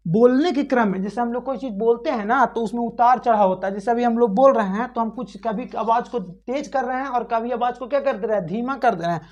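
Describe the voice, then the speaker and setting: A woman's voice: on the high side, a little mellow, lo-fi sound. A woman teaching a grammar lesson, asking the class questions, answering them herself and repeating the key points.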